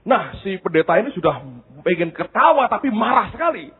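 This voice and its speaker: Animated husky male pastor preaching. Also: high-pitched, fairly quick. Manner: animated storytelling, addresses the congregation. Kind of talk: sermon. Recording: tinny phone-like sound.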